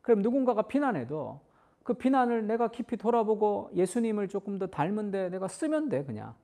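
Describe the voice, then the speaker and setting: A middle-aged male pastor delivering a Sunday sermon. His pitch rises and falls a great deal as he talks. He preaches like he is chatting, moving back and forth between formal and casual speech. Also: vocal fry, mellow.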